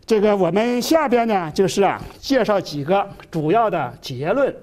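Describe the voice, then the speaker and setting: Middle-aged lecturer, classroom lecture, lively sing-song pitch, lots of fillers, repeats key terms. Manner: slows and stretches terms for emphasis. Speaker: university lecturer.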